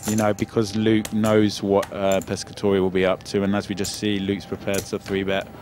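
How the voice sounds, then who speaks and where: A man analyses poker hands in a lowish voice, often stopping to hesitate mid-thought. There is faint background noise behind him. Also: completely flat delivery, normal speed, a little mellow. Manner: hesitant, many fillers while analysing. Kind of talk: expert poker commentary.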